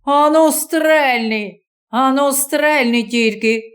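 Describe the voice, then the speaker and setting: Gruff male guard, voiced by a woman, curt, barking orders, commanding, storybook reading. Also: on the high side, takes it slowly.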